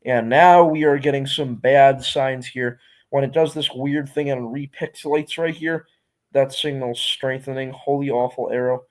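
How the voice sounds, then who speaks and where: A man hosts a live weather stream with unscripted commentary as storms are tracked. His delivery is instructive and often circles back to repeat a point, at a middling pitch. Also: a little mellow. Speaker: livestream weather host.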